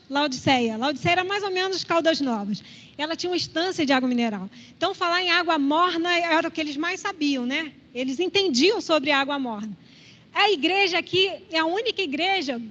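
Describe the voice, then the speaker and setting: High-voiced Brazilian woman teaching Bible class. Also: a bit bright. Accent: Brazilian Portuguese. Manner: conversational, keeps checking in with the class. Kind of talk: church Bible class lecture. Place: church hall. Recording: reverberant hall, slightly dull sound.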